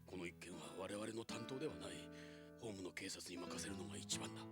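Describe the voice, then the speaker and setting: Male actor as a weary game police chief, lowish, quick, loud guitar bed. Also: close to an everyday voice. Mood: stern. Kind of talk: video game voice acting. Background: game music with guitar.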